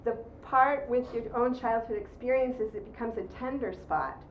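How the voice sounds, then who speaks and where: Woman presenting to a crowd, animated, acts out little scenes, echoey room, kinda dull lo-fi. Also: on the high side, moderate pace. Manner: animated storyteller, acts out quoted voices. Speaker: workshop presenter. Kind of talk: talk with audience questions. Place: room with audience. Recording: roomy, dull lo-fi sound with faint noise.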